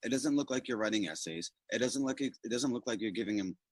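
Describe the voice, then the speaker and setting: A man in a team meeting giving measured, explanatory feedback and repeating his points. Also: mid-range voice, husky, no echo.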